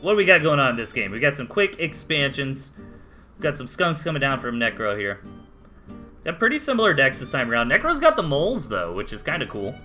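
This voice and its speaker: Bright-voiced Southern US game caster. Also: male voice, mid-range voice, very animated, a little fast, faint music behind. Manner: chatty play-by-play, drifts into asides. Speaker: esports caster. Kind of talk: live game commentary.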